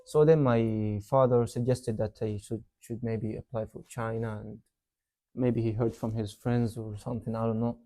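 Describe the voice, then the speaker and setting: A young man from Yemen who grew up in Saudi Arabia answers interview questions in an easy, meandering way. His voice is very dark and mellow, and he leans on "like" and "you know" as he talks. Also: medium pitch, moderate pace. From Yemen, raised in Saudi Arabia. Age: young adult. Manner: relaxed, rambling, many "like" and "you know" fillers. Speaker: interview guest, university student. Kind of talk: casual interview chat.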